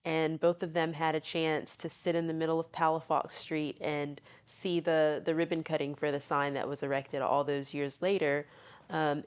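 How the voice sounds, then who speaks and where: A woman's voice: low-pitched, clean tone. A woman with a Southern accent, an inn owner giving a casual tour and telling family history with frequent ums. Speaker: bed and breakfast owner. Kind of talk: casual guided tour interview.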